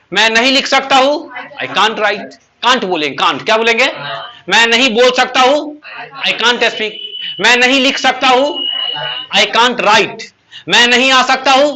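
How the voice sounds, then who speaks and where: Bright-voiced male English teacher, high. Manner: drills students, asks and answers his own questions. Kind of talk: classroom lesson.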